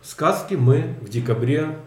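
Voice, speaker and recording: A man's voice: fairly high pitch, measured pace, reverberant. A male co-host in a casual studio conversation, upbeat, playful and chatty.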